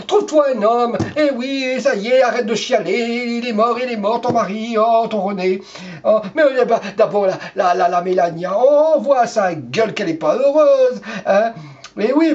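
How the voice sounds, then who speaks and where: A middle-aged man doing a camp comic rant in character, theatrical and full of drawn-out exclamations. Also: high voice, darkish tone, muffled recording. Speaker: comic performer.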